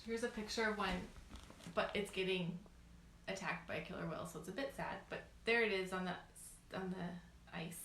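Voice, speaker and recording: A woman co-hosting an educational session for children in casual chat, haltingly thinking aloud. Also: mid-range voice, fairly bright tone. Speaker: co-host of a children's question session. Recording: echoey room, background noise.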